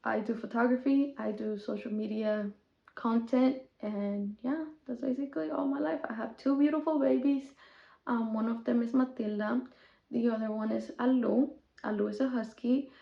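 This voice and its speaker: A talkative young woman, chatting casually as a podcast host and switching between English and Spanish. Her voice sits a little high, with a gravelly edge. The sound is echoey and slightly dull. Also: fairly even intonation, moderate pace. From Mexico. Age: 20s. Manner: chatty, code-switching, with small laughs.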